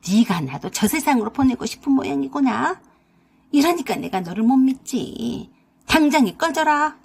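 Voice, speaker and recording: A stern, hot-tempered old mother-in-law scolds in a low, booming, slow voice, as a woman reader puts her on. A breathy edge runs through her words. It is a storybook radio drama with one reader playing every part. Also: lively intonation, a little mellow. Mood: scolding. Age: older.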